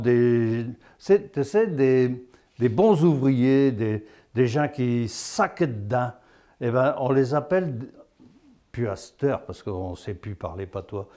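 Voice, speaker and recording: Slow-talking dialect teacher. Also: male voice, mid-range voice, darkish tone. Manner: chatty, tags lines with "hein?", laughs at his own jokes. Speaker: patois teacher on local TV. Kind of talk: folksy dialect lesson with anecdotes.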